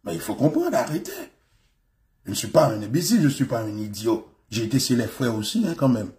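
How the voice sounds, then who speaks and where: A man's voice: mid-range voice, expressive, fast talker, pitched below the performer's own voice, lightly acted. A man voicing a pompous male politician who insists, haughty and defensive, that he speaks refined French.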